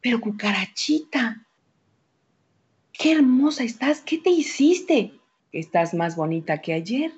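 A woman voicing a shy, gentle male mouse, speaking softly and breathily. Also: fairly high pitch, animated, slow, long pauses, muffled recording, voice pushed up, heavily acted. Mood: amazed. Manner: soft, breathy whispering.

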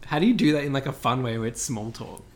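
A man co-hosting a casual podcast, easygoing and quick to laugh. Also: medium pitch, animated. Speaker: podcast co-host. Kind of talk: casual chat.

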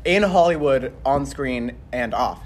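A man's voice: mid-range voice, expressive, unhurried. A young man co-hosting a casual podcast chat, teasing and cutting in with jokes. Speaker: podcast co-host.

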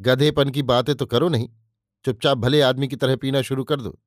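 A man's voice: medium pitch, fairly even intonation, normal speed, no room sound, close to an everyday voice. Cold snooty rich guy, man reading him, curt and dismissive, dry sound. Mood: scornful. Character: callous, scornful wealthy male host.

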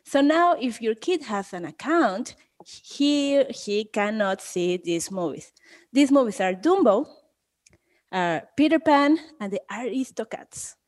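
A woman's voice: on the high side, sing-song, takes it slowly, a little mellow. A woman with a Mexican accent, co-hosting a casual chat podcast and laughing often. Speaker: podcast co-host.

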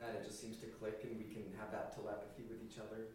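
A man's voice: lowish voice, monotone, fast, a little mellow, a little hiss or hum. A man, a band member, explaining things thoughtfully in a casual interview. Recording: echoey room from far off.

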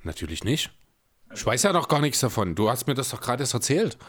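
A man co-hosting a casual podcast, talking in a measured, analytical way with frequent chuckles. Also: mid-range voice, very animated, fairly bright tone. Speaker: podcast co-host. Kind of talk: casual basketball chat. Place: room with closed soundproof windows.

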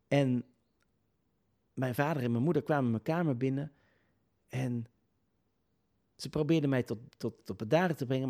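A man telling a personal story in an earnest, hesitant way, pausing with many filler sounds and restarting his sentences. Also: mid-range voice, a little mellow.

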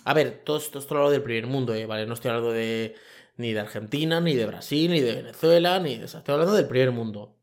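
A man's voice: medium pitch, fast talker. A man, hosting a podcast as a colloquial, rambling opinion monologue into a microphone. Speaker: podcast host. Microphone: microphone with camera.

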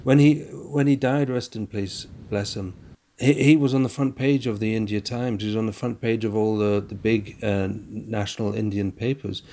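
A man's voice: fairly low pitch, steady tone, normal speed, few pauses, mellow. A man with a broad, strong Scottish accent chatting casually and in a rambling, self-deprecating way as a podcast host. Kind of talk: casual chat.

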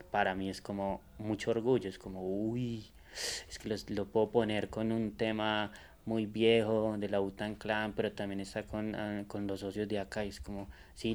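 Man, musician guest, low voice, smooth and resonant, casual rambling talk. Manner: relaxed, rambling, many hesitant fillers. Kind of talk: casual conversation.

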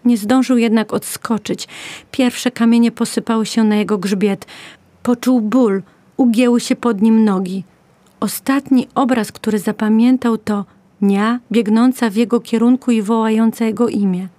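A woman narrating a children's story in a gentle, measured way. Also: on the high side, steady tone, no echo.

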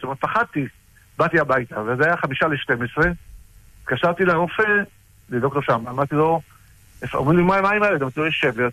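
A middle-aged man casually recounting personal stories about his rabbi, halting with frequent restarts. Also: on the high side, sharp tone, no room sound, poor audio. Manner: halting, with many restarts and fillers. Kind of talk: casual storytelling.

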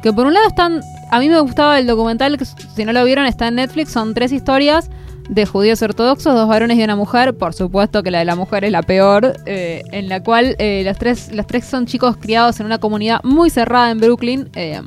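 A woman's voice: on the high side, brisk, faint music behind. A woman from Buenos Aires with a Rioplatense accent, chatting expressively as co-host. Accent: Rioplatense Spanish. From Buenos Aires, Argentina. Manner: lively, expressive, laughs easily. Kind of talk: casual conversation.

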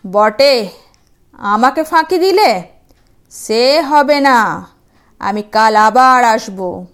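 A woman's voice: a little high, lively intonation, slow pace. A woman storyteller voicing a wicked male demon who threatens in an emphatic, stubborn way. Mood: angry.

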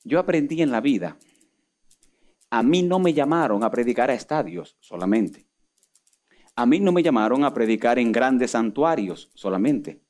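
A man's voice: mid-range voice, darkish tone. A man preaching a sermon, firing rhetorical questions and answering them himself, acting out the lines he quotes. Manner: dramatic, acts out quoted speech. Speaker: pastor.

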